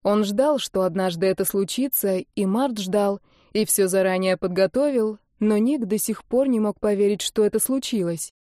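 A woman narrating a dramatic novel in steady storytelling style. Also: medium pitch, moderate pace, few pauses, no room sound, studio quality. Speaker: audiobook narrator. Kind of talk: scripted narration.

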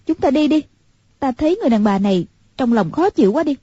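A woman's voice: high-pitched, animated, quick pace, warm tone, slightly rough, dry recording. A woman voicing a clever, willful young heroine who speaks in a pleading yet commanding way. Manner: pleading and imperious. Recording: muffled lo-fi recording.

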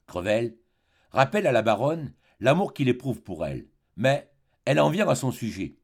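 A man narrating a classic novel as an audiobook reader, measured and expressive. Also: mid-range voice, vocal fry, breathy edge.

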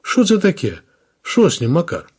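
A man's voice: mid-range voice, lively intonation, unhurried, dark tone, slightly rough. A man voicing a young plain-spoken police officer who mixes Ukrainian words into his speech, in an audiobook. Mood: casual. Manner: speaks mixed Ukrainian-Russian slang.

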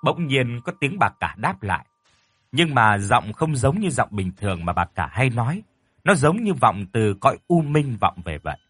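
A man narrating a horror story in a lively, dramatic way. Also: mid-range voice, normal speed, husky, no echo.

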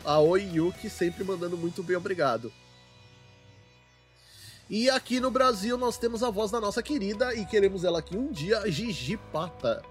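A man's voice: high voice, normal speed, over music. A man with a Brazilian Portuguese accent hosting a podcast, chatting in a laid-back, slangy way and steering the discussion. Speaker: podcast host. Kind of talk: casual chat.

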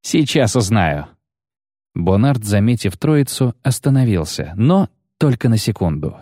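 Low mellow male audiobook narrator. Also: very animated, normal speed, husky, no echo, studio quality. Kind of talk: scripted narration.

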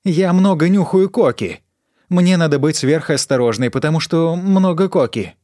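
A man's voice: lively intonation, moderate pace, darkish tone, dry recording, clean studio sound, natural voice. Man voicing a jittery stoned young woman. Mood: screaming. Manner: shrill outbursts, rambling repetition. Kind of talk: audiobook character voice.

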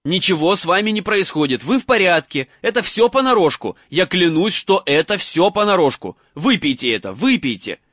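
A man's voice: sits high, very animated, normal speed, hardly any pauses, fairly bright tone, no room sound, lo-fi sound, voice pushed up, full character voice. A man voicing a desperate teenage boy wizard urging an old man to drink, in an audiobook reading. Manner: urgent desperate coaxing.

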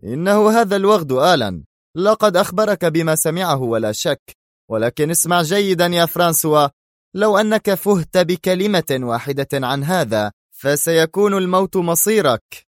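A man's voice: a little high, lively intonation, moderate pace, no echo, clean studio sound, voice pushed up, lightly acted. A man voicing a stern, hot-tempered male spy chief in an audiobook thriller, harsh and threatening.

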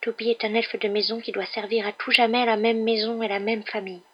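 A woman voicing a small male house-elf with a high, squeaky, humble voice, servile and tearful, in an audiobook reading. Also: level tone, brisk, breathy edge, dull audio. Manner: humble, overexcited, sobbing outbursts. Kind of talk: audiobook character voice.

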